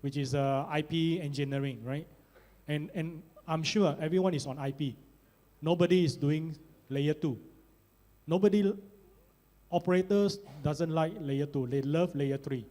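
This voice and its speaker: Man, Singaporean accent, conference speaker, mellow slightly high voice, informal technical talk, long hall reverb. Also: unhurried. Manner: checks in with listeners using tag questions. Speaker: conference speaker, network engineer presenter.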